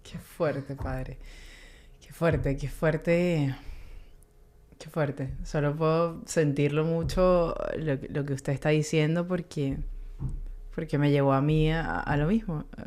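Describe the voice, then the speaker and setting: A woman interviewing a priest, responding emotionally with soft exclamations. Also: low-pitched, fairly even intonation, takes it slowly. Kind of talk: conversational interview.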